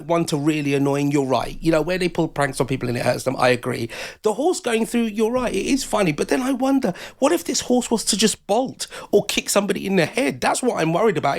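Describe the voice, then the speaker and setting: Wry, teasing higher-voiced man co-hosting. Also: vocal fry. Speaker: radio co-host. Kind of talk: casual radio banter.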